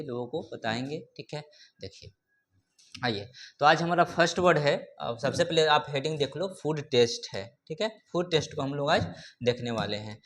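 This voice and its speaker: A man teaching English vocabulary in a classroom lesson. He keeps asking his students questions, says "ठीक है" often, and repeats each word slowly. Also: a little high, fairly bright tone. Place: classroom with a board.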